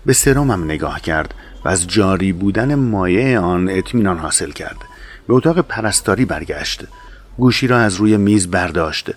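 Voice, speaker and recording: A man narrating an audiobook in a measured, calm storytelling manner. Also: sits low.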